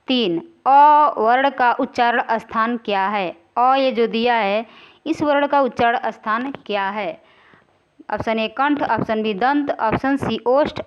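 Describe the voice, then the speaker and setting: A woman teacher going through exam questions, explaining slowly, repeating and drawing out key words, and often asking if the class follows. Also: on the high side, clear, resonant tone. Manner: keeps checking understanding with rhetorical questions. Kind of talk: exam-prep grammar lesson. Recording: slightly dull, lo-fi audio.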